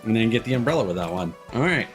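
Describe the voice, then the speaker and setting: Over background video game music, a man gives casual live commentary while streaming, explaining things in a rambling way and breaking off mid-thought. He talks fast in a fairly low voice with big pitch swings.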